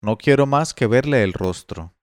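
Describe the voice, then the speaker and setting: A man's voice: mid-range voice, animated, normal speed, no room sound, studio quality, lightly acted. A man voicing a patient, courteous older merchant who bargains in a coaxing tone in a read-aloud tale. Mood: polite, coaxing.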